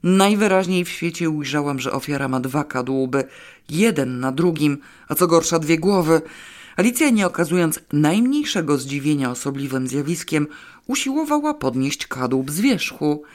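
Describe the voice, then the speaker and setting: A woman narrating a first-person novel as an audiobook, wry and expressive. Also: sits low, normal speed.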